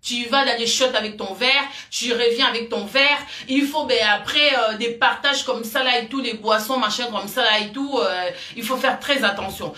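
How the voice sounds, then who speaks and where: A woman's voice: on the high side, moderate pace, few pauses, pushed and bright, roomy sound. A woman gives emphatic, rambling commentary straight to camera and repeats her points often. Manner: emphatic, repetitive, rambling, addresses viewer as "ma chérie". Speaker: vlogger.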